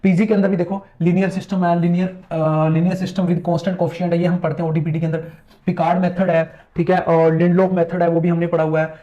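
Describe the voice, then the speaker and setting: A man's voice: high voice, flat delivery, a little fast, mellow, highs cut off. A man teaching math exam preparation in casual Hindi mixed with English terms, walking through a syllabus and telling viewers to watch closely. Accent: Hindi, mixing English math terms. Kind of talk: screen-share syllabus walkthrough lecture.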